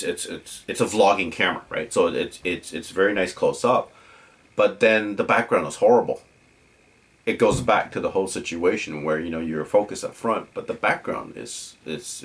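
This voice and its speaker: A man's voice: low voice, a bit bright. A man vlogging a casual, unscripted gear review in a rambling, opinionated way, often checking in with the listener.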